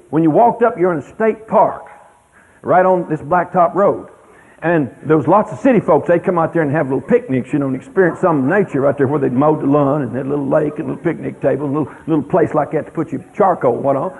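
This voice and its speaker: A middle-aged man tells a folksy story to an audience in a rambling, animated drawl. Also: fairly high pitch, slightly rough. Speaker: speaker telling a story to an audience. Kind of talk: folksy anecdote telling. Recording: tinny radio broadcast.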